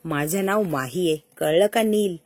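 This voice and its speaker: A woman's voice: lowish voice, unhurried, a little mellow, dry recording, voice pushed down. A woman voicing a defiant young woman who speaks firmly and challenges. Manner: firm, challenging.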